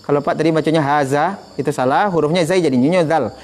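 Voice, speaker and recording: Male teacher, patient, corrects students' pronunciation; slightly high-pitched. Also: fast, darkish tone. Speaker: Arabic teacher. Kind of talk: online Arabic class.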